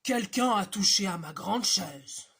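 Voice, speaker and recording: Woman voicing a big bear, storybook, booming, loud, stern, breathy. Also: animated, measured pace.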